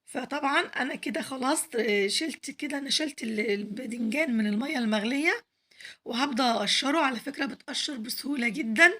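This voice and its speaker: A woman with an Egyptian Arabic accent, hoarse from losing her voice, chatting to viewers as she cooks on her home cooking vlog. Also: high voice, fast talker, bright, forceful tone. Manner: chatty, addresses viewers directly, pleads for likes. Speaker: cooking channel host.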